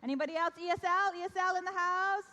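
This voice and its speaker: A young woman with a high, bright voice hosts an awards ceremony for kids, speaking fast with fairly even intonation and coaxing the young audience into call-and-response. Korean is her first language, though she grew up in Canada, and her words carry the long reverb of a large hall.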